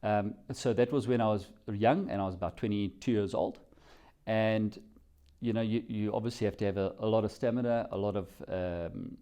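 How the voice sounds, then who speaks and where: A man's voice: fairly low pitch, normal speed, warm tone, smooth. A South African man answering interview questions, telling his story in a reflective, rambling way. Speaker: company CEO, guest.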